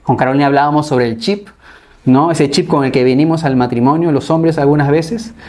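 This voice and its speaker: A man's voice: a little high, brisk, darkish tone. A male pastor, preaching a sermon and keeping his listeners with him through rhetorical questions and repeated tags. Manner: keeps asking rhetorical questions and adding a tag "¿no?".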